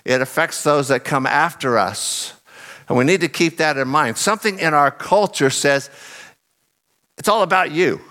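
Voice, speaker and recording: Preaching at a moderate pace, a middle-aged man sounds earnest, his voice slightly husky and lower from having sung loudly. He puts heavy stress on key phrases.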